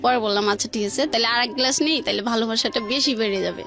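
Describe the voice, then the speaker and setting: Speaking fast in a fairly high, slightly bright voice, a Bangladeshi-accented woman shares a personal story informally, stringing events together through quoted dialogue. The setting is a radio studio, with music faintly audible behind her.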